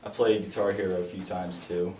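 A man's voice: deep voice, little pitch movement, a little fast, warm tone. An eighteen-year-old man, a music student, chatting casually in an interview. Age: young adult. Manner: casual, rambling. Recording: echoey room, distant mic.

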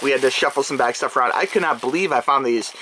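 A man chatting excitedly in a casual toy vlog, talking straight to his viewers and checking in with them often. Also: mid-range voice, fast talker, a little hiss or hum. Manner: excited, chatty, with many "okay?" asides to viewers. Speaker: toy collector vlogger. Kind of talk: casual unboxing vlog chat.

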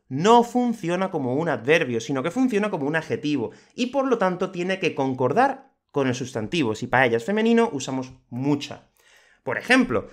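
A man from hosts a grammar lesson for learners, his voice sitting a little high and swinging widely in pitch. He slows right down for each example sentence and leans hard on the words that matter. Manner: slow, clear delivery of examples with lively emphasis. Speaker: Spanish teacher and podcast host. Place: home, moving to his terrace.

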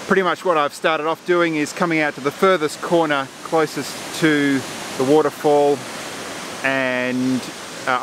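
Speaking into a handheld camera at arm's length, a landscape photographer in his forties chats through his shoot in a forest and on a gorge lookout. His voice sits a little high, with some background noise around it. He narrates casually and explains as he goes, leaning on plenty of fillers.

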